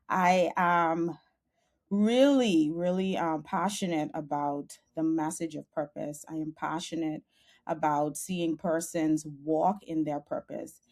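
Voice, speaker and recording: Bahamian woman, young adult, low voice, earnest and passionate guest on a video call. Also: steady tone, slow, a little mellow. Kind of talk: podcast interview.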